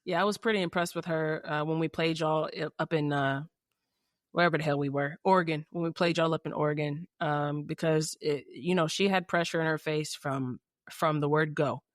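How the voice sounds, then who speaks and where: A woman's voice: deep voice, steady tone, moderate pace, dry recording, clean studio sound. Rambling woman podcast host. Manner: rambling, many restarts and "you know what I'm saying". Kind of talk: casual interview chat.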